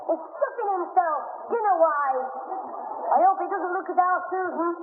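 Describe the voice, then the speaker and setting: A very high, piping voice of a cocky little schoolboy, full of wisecracks and sly bargaining. It comes through an old, tinny radio recording with a thin, narrow sound and a steady hiss behind it. The delivery is classic vintage radio sitcom acting. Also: male voice, normal speed. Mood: cheeky. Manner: cocky wisecracks, tags words with "-wise". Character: cheeky, scheming little schoolboy. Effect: old scratchy radio broadcast recording.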